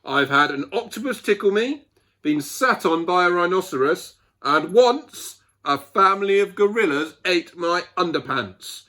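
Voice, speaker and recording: A man voicing a furious male wildlife presenter in a picture book, scolding with emphatic, drawn-out words. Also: sits high, lively intonation, bright, forceful tone, voice pushed up, heavily acted. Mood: outraged.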